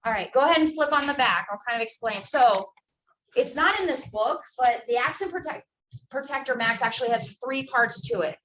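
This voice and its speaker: A woman's voice: high-pitched, lively intonation, fairly quick, fairly bright tone, a little hiss or hum. Young woman coaching sales, echoey room. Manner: emphatic, chatty, lots of fillers. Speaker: sales trainer. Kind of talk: training session for new sales agents. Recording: echoey room from far off, faint ambience.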